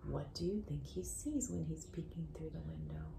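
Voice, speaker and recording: A woman in her thirties, a children's story reader and educator, reads a picture book aloud to young children in a low-pitched, creaky voice that is expressive and sing-song. She reads slowly and deliberately, dropping into hushed asides and asking the listener questions. The home recording was made in a small indoor room and has faint background noise.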